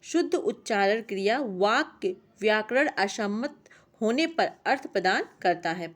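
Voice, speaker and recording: A young woman teaching a class on language teaching, reading out lists of points in a steady classroom manner. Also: fairly high pitch. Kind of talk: exam-prep lecture reading out points.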